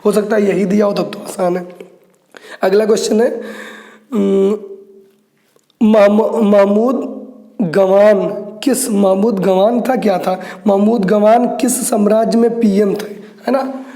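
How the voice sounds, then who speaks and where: A man teaching an exam-prep lesson in a chatty way, repeating each answer slowly as he writes it out. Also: sits high, steady tone, warm tone, reverberant.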